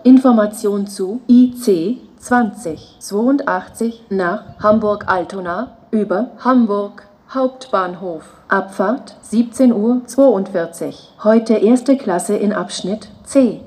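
Woman, flat platform announcement, slow segmented phrasing, soft-edged tone, medium pitch. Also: a little hiss or hum. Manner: flat, measured, segmented delivery. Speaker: station announcer.

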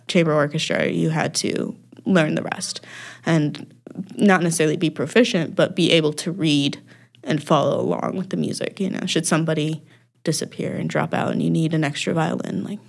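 A young woman with a low, gravelly voice speaks fairly quickly and steadily as a podcast guest who works at music festivals. The interview chat is casual, with frequent ums and easy laughter.

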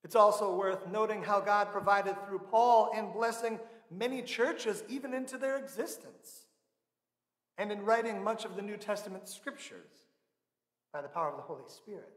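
High-voiced pastor preaching in echoing church. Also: male voice. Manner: measured, earnest preaching with slow emphatic stresses. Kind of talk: sermon. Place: large church sanctuary, indoors. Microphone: pulpit microphone. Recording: echoey church with long reverb.

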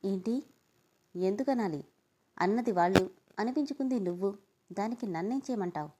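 A woman's voice: medium pitch, moderate pace, background noise, close to an everyday voice. A woman voicing a hurt young woman who fires back with indignant, pleading questions.

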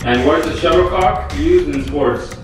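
A young man bantering casually and excitably as a challenge host in a tiled bathroom. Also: on the high side, moderate pace. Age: young adult. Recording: echoey bathroom, distant mic, music behind.

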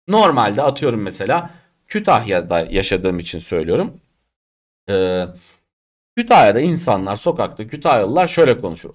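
A man teaching an online English class, chatty and direct, acting out quoted speech and regional ways of talking. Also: medium pitch. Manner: lively, chatty, direct, addresses students as friends; acts out quoted speech and regional Turkish dialects.

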